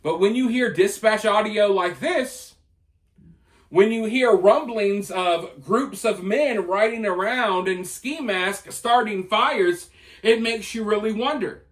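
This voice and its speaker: Speaking directly to his viewers, an American online commentator with a strikingly high voice makes his case at a slow pace. He sounds conversational but emphatic, relying on rhetorical turns to press his opinion.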